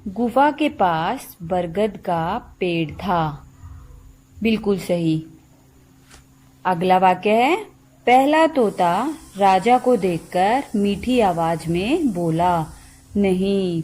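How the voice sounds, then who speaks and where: A woman's voice: medium pitch, darkish tone. A woman teaching a primary school class, asking and answering simple questions and explaining words one by one. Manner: slow, deliberate, explains word by word to children. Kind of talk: slow classroom lesson for young children.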